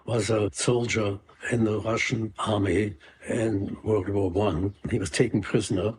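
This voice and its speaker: An older man from Hungary telling his childhood story in a measured, reflective way with pauses between phrases. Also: on the low side, darkish tone. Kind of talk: personal recollection.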